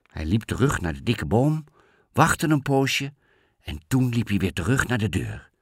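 Man reading a children's fairy tale, very lively pitch, dry close sound. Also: measured pace, slightly rough, no echo. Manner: expressive, lively read-aloud. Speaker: storyteller.

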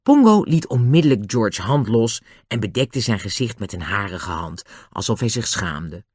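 Reading a children's storybook, this narrator sounds expressive, her pitch swinging up and down a great deal at a moderate pace. The voice is slightly rough, captured close and dry with no echo.

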